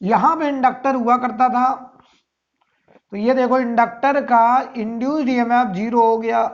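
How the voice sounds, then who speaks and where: A man's voice: very high voice, fairly even intonation, measured pace. A male physics teacher giving a recorded lecture, asking rhetorical questions, answering them himself, and repeating key phrases. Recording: dull lo-fi sound.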